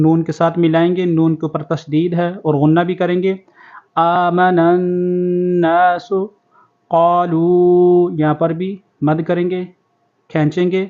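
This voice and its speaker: High-voiced male Quran teacher, lo-fi. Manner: slow drawn-out recitation, then quick spoken explanations. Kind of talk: tajweed recitation lesson. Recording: dull lo-fi sound.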